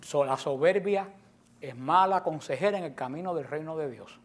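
Male preacher, high pitch; emphatic, sarcastic, rhetorical questions to the congregation. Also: moderate pace. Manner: emphatic, mocking, asks the audience questions. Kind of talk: sermon.

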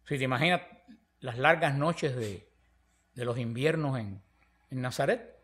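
In a conversational talk on the Bible, this preacher speaks at a measured pace with a medium-pitched voice. His storytelling is animated, and he performs the dialogue he quotes.

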